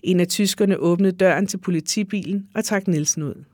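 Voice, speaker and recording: A reader giving a measured, even literary reading. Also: medium pitch, no echo, studio quality. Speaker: audiobook reader.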